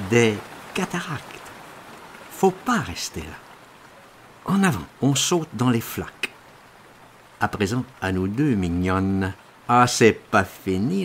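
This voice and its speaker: A middle-aged man reading a first-person novel aloud, theatrical and impassioned, dropping to a hush and then rising loud. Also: fairly low pitch, creaky, slight background noise. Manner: impassioned, theatrical, swinging between hushed and loud. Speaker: audiobook reader.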